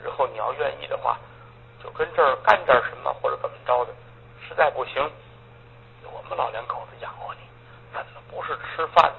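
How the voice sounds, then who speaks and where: A man voicing a warm-hearted, fatherly old man who talks gently and coaxingly. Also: mid-range voice, fairly quick, gravelly. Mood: gentle. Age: older. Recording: tinny phone-like audio, faint hiss.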